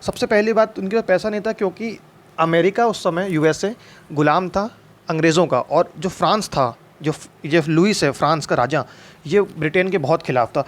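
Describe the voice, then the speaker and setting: A man's voice: on the high side, moderate pace. Man teaching history, asking himself questions. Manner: conversational, asks and answers his own questions; mixes in English terms, many restarts. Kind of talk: explaining a history lesson.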